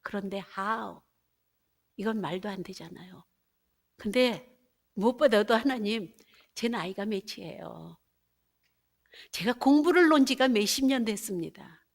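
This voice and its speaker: A woman's voice: mid-range voice, animated, unhurried, creaky, pauses often. A woman pastor in her fifties giving a sermon testimony, telling her story and acting out her own prayers, with English phrases dropped in.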